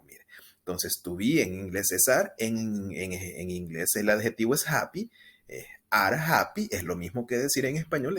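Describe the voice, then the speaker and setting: Male beginner-level teacher, husky tone, animated pitch; patient explainer who draws out repeat-after-me phrases. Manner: slow, drawn-out model phrases for repeating. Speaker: English teacher. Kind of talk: scripted language lesson for beginners.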